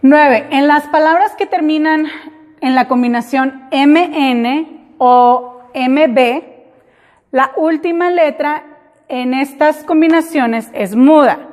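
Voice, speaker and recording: Slow-spoken high-voiced woman teacher. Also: a little mellow. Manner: explains slowly, repeating example words in English. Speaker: English teacher. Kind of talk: classroom lesson. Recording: hall reverb.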